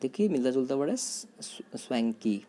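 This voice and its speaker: Man, teacher, vocabulary lesson, spells and repeats each word, talks to students, warm mellow tone. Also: mid-range voice, very animated, moderate pace. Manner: spells words letter by letter and repeats them; addresses students directly, with hesitant fillers.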